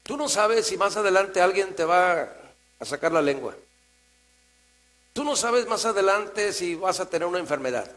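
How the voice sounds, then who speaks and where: A man's voice: high voice, animated, moderate pace, low-quality recording. Mexican man preaching over mains hum. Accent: Mexican Spanish. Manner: conversational preaching, swings from quiet asides to emphatic raised lines. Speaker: pastor. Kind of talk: sermon. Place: church.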